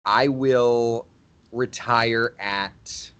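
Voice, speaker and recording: A man's voice: mid-range voice, steady tone, extremely slow, fairly bright tone, smooth, lo-fi sound. A man in his thirties, a TV meteorologist hosting a casual livestream, chatting and reading out viewer comments. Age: 30s. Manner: chatty, laughs easily, repeats phrases. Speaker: TV meteorologist host.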